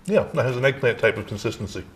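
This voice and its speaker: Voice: medium pitch, lively intonation, fast talker. A host of a book talk show asking brief casual questions from slightly off-mic. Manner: brief questions and backchannel murmurs. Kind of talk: casual interview chat.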